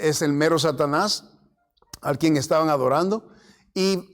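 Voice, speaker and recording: A male pastor preaching a sermon in a conversational way, often checking in with "¿verdad?" and in words. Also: on the high side. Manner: conversational preaching, frequent "¿verdad?" tags, mixes in English words.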